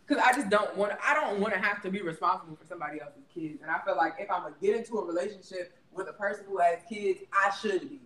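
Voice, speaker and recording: Man co-host, high-pitched, rambling and laughing, roomy sound with light noise. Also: quick pace, hardly any pauses, pushed and bright, far from the mic. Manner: laughs easily, rambling with many fillers. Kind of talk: casual chat.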